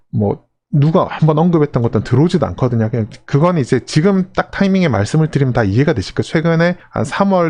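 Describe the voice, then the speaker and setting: Fast-talking man answering viewer questions. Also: fairly high pitch, darkish tone. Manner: rambling, restarts phrases, speaks to viewers politely. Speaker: investing channel host. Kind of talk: live stream Q&A answer.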